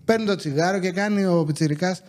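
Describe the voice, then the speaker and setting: A man, hosting a podcast and telling stories in a casual, animated way. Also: high-pitched. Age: 30s. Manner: animated storytelling with acted-out quotes. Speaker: podcast host. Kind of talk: casual chat.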